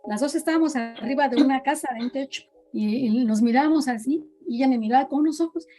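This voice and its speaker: Middle-aged Mexican woman, dramatic teller of personal scary tales, mellow and a little high. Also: quick pace, faint music behind. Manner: dramatic storyteller, acts out quoted voices. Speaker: podcast guest sharing experiences. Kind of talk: casual storytelling chat.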